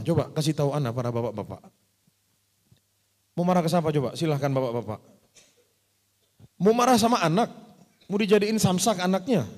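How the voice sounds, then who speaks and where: High-voiced preacher in a reverberant hall. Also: male voice, darkish tone. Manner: direct, rhetorical questions to the audience. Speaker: ustadz answering questions. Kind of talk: religious Q&A talk to a congregation.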